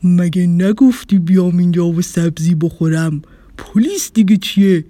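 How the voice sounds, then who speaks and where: A woman voicing a friendly, carefree giant dinosaur with loud, booming calls. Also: no room sound, close to an everyday voice. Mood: puzzled.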